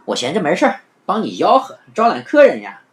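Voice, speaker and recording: This is a sly, playful trickster man from a children's storybook, calling out loud and bright. His voice leaps high above a plain speaking voice and swings widely up and down. A woman reading the story acts him out. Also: wildly swooping pitch, brisk, soft background music. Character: clever witty trickster man, teasing.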